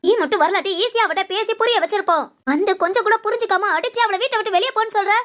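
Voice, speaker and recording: A woman's voice: very high-pitched, racing. A woman as a scolding stern aunt. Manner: scolding, forceful. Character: stern middle-aged aunt and mother-in-law. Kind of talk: animated family drama voice acting.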